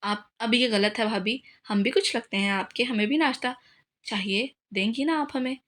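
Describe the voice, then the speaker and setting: A young man putting on a mock sulk and pouting for attention, from an audiobook romance, read by a woman. The voice is fairly high and close to the reader's own. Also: moderate pace, fairly bright tone. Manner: mock-sulky. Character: young man, sulky joking brother-in-law.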